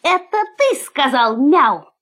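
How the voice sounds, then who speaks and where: A woman voicing a small, curious young male puppy in a storybook tale, eager and quick to turn tearful when frightened. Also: high-pitched, big pitch swings, a bit bright, heavily acted.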